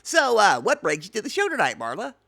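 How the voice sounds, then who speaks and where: An unflappable, wry paranormal radio host played by a man, given to deadpan asides. The voice is bright and highly animated in pitch, close and dry in a late-night comedy drama. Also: fairly quick, creaky, no room sound, exaggerated voice. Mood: cautious, deadpan.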